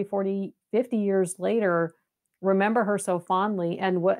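A woman's voice: mid-range voice, darkish tone. A woman from the US West Coast, a paranormal investigator, talking casually as a podcast guest, enthusiastic and often repeating words as she thinks. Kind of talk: casual interview talk.

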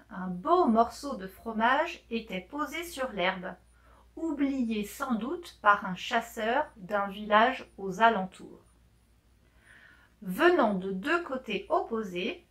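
A woman slowly reading a children's story aloud for learners, clear and deliberate with gentle expression. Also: fairly high pitch.

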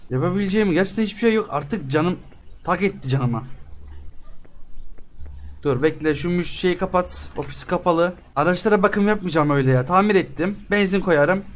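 High-voiced man doing game commentary. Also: slight background noise. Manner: haggles aloud with game characters, quick exasperated outbursts. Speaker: gaming channel host. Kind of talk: let's-play commentary.

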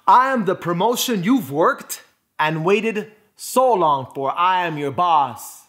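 A man performs a spoken word monologue in a bright, high voice with lively intonation. He phrases things deliberately and with emphasis, using dramatic pauses, and his pitch shifts widely from one line to the next.

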